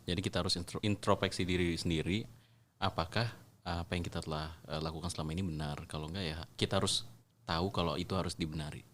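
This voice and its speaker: A man's voice: low-pitched, steady tone, quick pace, a bit bright, slight background noise. A man. He talks casually as an interviewer, agreeing often in short repeated affirmations and mixing in occasional English words. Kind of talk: casual conversation.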